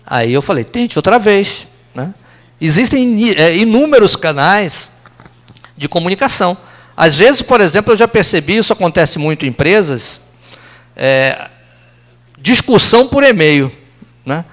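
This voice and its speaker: A man's voice: sits high, big pitch swings, a bit bright. A Brazilian man with a Brazilian Portuguese accent giving a talk to a live audience in an office meeting room, conversational and full of tag questions. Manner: conversational, tag questions "né?", quick aside jokes. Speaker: speaker giving a company lunch talk.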